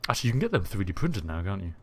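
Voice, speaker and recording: A man's voice: low-pitched, sing-song, soft background music. A British man hosting a live game stream, chatting casually and joking around. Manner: jokey, quick to laugh. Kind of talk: casual live-stream chat while playing.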